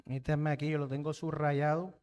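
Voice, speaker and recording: A man's voice: on the high side, flat delivery, brisk, darkish tone, big-room sound. A Colombian man preaching a sermon in a church, asking the congregation questions and having them call back the answers.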